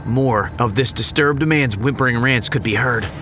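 A man narrating a horror story in a low, hushed, suspenseful way. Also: normal speed, background noise. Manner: low, hushed and suspenseful, jumping higher in dialogue.

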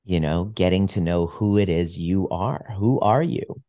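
Deep-voiced reflective man. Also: unhurried, mellow, dry recording, studio quality. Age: 40s. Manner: reflective, earnest, with frequent restarts. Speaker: podcast guest, chiropractor. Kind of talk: casual conversation.

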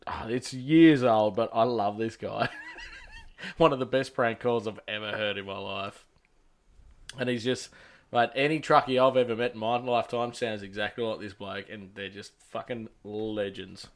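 A man's voice: lowish voice, normal speed. An Australian man chatting casually as a podcast host, in matey, blokey lad banter with heavy swearing. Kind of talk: casual chat with mates.

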